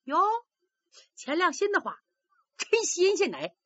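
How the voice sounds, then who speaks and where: A woman's voice: very high-pitched, very animated, measured pace, no room sound, pitched above the performer's own voice, full character voice. Woman playing young male fighter, indignant, scolding, dull lo-fi sound. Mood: mocking. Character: hot-tempered young male swordsman.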